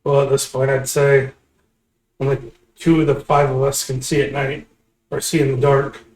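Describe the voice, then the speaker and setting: A man with a medium-pitched voice plays a tabletop fantasy game. He chats casually in character and out, picked up with a roomy echo. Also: level tone, moderate pace, darkish tone. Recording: roomy, echoing room recording.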